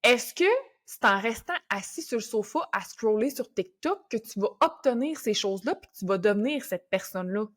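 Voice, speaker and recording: A woman's voice: medium pitch, expressive, normal speed. A young woman with a Québécois French accent hosting a motivational podcast, talking casually and coaching listeners with English words mixed in. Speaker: podcast host.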